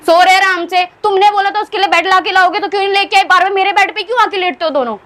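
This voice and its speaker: A woman's voice: very high voice, fast, a bit bright. A woman scolding her housemates in a household argument skit, sarcastic and mocking as she repeats their words back.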